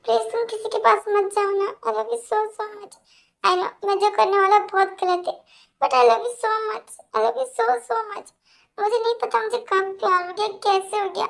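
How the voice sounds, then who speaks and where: A woman voicing a hot-tempered, possessive young man in an amateur fan dub, speaking angrily and forcefully. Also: very high voice, takes it slowly, voice pushed down, exaggerated voice. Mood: pleading. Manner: angry, forceful, then pleading.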